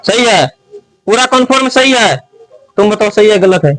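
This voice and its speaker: High-pitched guy teacher quizzing a class, calls out loud sometimes. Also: lively intonation, normal speed, dry recording, low-quality recording. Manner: quizzing students, often raising voice.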